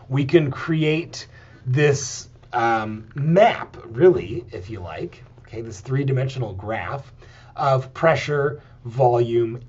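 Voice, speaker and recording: In a dull, lo-fi recorded lecture, a man with a medium-pitched, slightly mellow voice teaches chemistry while writing on slides. He explains step by step, checking in often with "okay" and "um."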